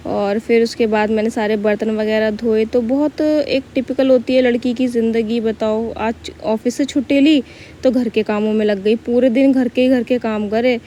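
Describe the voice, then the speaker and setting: A young woman chats through her household day in a relaxed, homely voice-over that is loose and full of fillers. Her voice sits a little high, with a soft, mellow tone. Faint noise hums behind her. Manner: chatty, homely, with many fillers. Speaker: vlogger. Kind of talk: casual vlog voice-over narration.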